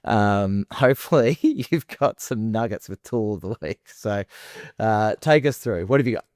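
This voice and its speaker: A man's voice: fairly low pitch, lively intonation, measured pace, a little mellow, dry recording, studio quality. A man with an Australian accent co-hosting a podcast in casual chat, laid-back and laughing easily. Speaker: podcast co-host.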